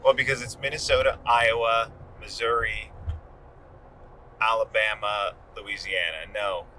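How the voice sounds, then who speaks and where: Middle-aged man, lowish bright voice. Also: level tone, a little slow, a little hiss or hum, poor audio. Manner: matter-of-fact, fond of routes and facts, dry humor. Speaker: podcast co-host, father. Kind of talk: casual chat.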